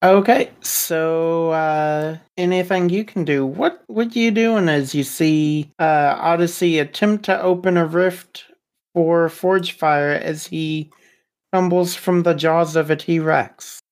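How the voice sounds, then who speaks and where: Low-voiced, unhurried woman game master. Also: a little mellow. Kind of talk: casual tabletop game narration.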